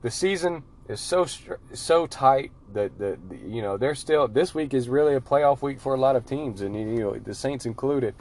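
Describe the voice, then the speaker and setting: A man's voice: medium pitch, animated, normal speed, few pauses, a little mellow. Chatty man hosting over background music. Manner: chatty, repeats himself, informal. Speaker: podcast host. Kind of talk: casual sports podcast talk. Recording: clear music bed behind the voice.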